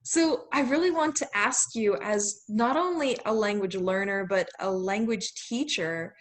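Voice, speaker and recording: A woman's voice: mid-range voice, a little slow. A woman hosting a conversational interview, agreeable and upbeat as she asks questions. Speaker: host.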